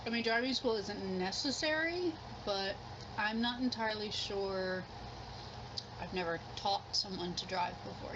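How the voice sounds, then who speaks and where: A middle-aged woman chatting casually and ramblingly in an eating vlog, sounding unsure of herself. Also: medium pitch. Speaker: mukbang vlogger. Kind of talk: casual chat while eating. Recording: muffled sound with clear background noise.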